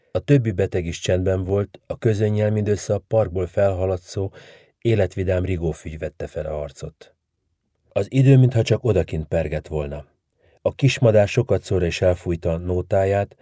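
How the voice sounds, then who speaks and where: A man narrating a literary story in a measured, dramatic reading manner. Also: sits low, mellow, dry recording, studio quality.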